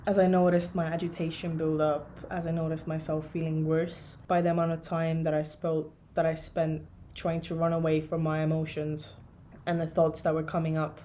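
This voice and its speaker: Soft-spoken young woman from Estonia. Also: low voice, flat delivery, slight background noise. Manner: soft, searching, with pauses and fillers. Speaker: vlogger. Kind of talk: casual reflective monologue to camera.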